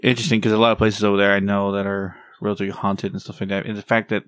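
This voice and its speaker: A man's voice: lowish voice, level tone, racing, a bit bright, clean tone, dry recording. A man in his thirties co-hosting a casual podcast, laid-back, swearing casually and trailing off. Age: 30s. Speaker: podcast co-host.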